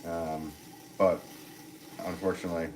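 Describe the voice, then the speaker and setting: A low-pitched American man talks casually on a livestream. He rambles along, half to himself and half to his viewers, as a working potter. There is faint noise and some clicking in the recording. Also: flat delivery, unhurried. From United States. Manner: rambling, chatty, talking to himself while working. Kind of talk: casual livestream chat, reading comments.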